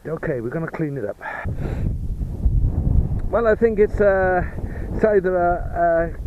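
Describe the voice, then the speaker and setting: A man giving casual, hesitant field commentary as a metal detecting host, musing aloud outdoors. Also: on the high side. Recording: muffled audio with outdoor background noise.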